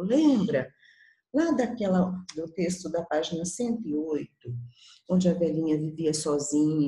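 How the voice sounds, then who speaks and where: A woman's voice: on the low side, warm tone. A Brazilian woman teaching young children in Portuguese, patiently explaining step by step and checking in with them often. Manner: patient, coaxing, uses small diminutives and checks in often. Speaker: primary school teacher. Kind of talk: recorded class for young children. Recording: echoey room.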